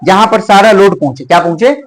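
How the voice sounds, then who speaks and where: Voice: mid-range voice, expressive, fast, low-quality recording. A teacher giving a classroom math lesson, asking the pupils a question and then repeating the answer back to them. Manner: addresses pupils as children and dear.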